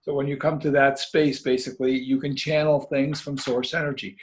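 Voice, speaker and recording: A man's voice: medium pitch, little pitch movement, fairly quick, a little hiss or hum, rough recording. A man speaking as a guest author in a casual spiritual interview, meandering and folksy, calling listeners babies and kiddies.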